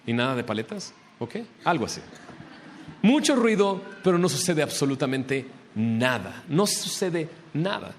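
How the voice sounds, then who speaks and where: A male pastor preaching a sermon, asking rhetorical questions and slowing down to stress scripture. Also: fairly high pitch, big pitch swings, slight background noise. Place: church.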